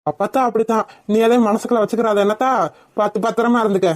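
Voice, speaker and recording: A woman voicing a gentle, soothing middle-aged father who calms the family, in a cartoon. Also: a little high, fast talker, no echo, studio quality, pitched below the performer's own voice, close to an everyday voice. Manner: calming, conciliatory.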